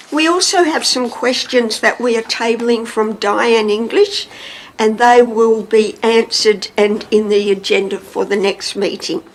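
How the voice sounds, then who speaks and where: A woman mayor chairing a council meeting in a measured, formal manner. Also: on the high side. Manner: measured, formal procedural delivery. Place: council chamber. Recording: echoey chamber, faint room hiss.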